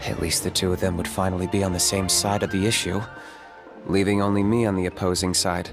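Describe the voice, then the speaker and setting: A man playing an aloof, pragmatic young hunter for hire in a video game, speaking in a cool, measured, matter-of-fact way. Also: low-pitched, little pitch movement, over music, close to an everyday voice. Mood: wry, composed. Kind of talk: video game dialogue acting.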